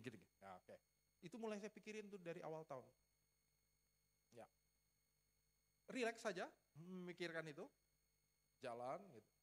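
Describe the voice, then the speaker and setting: A male pastor with a slightly high voice gives a sermon in a church. He tells stories in a light, joking way and acts out the dialogue with small shifts in his voice. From Riau, Sumatra, Indonesia. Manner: lively storytelling with playful asides, acts out dialogue.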